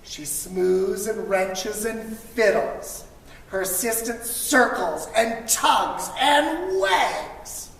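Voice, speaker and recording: A woman reading a children's picture book aloud to school pupils, expressively, with dramatic emphasis and drawn-out words. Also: mid-range voice, animated. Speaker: storybook reader for school children. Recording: distant mic, echoey reverberant room, faint noise.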